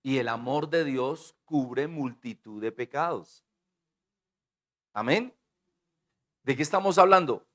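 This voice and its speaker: A man preaching a sermon to his congregation, swinging between booming declarations and hushed asides and calling on the listeners to repeat his words. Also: lively intonation, slow pace, long pauses. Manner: calls on the congregation to repeat and respond. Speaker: pastor.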